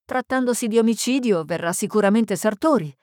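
A woman reading the part of a steady, wry woman who keeps her head. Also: medium pitch, brisk, no echo, studio quality, lightly acted.

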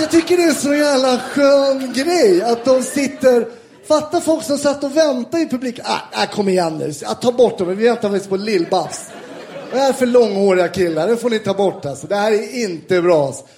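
A Swedish man with a fairly high voice performs stand-up on a theatre stage. He tells his story loudly, laughing and swearing as he acts out both sides of a conversation, and a faint crowd can be heard in the hall. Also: a little hiss or hum. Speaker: stand-up comedian. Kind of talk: stand-up comedy set. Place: large theatre with a live audience.

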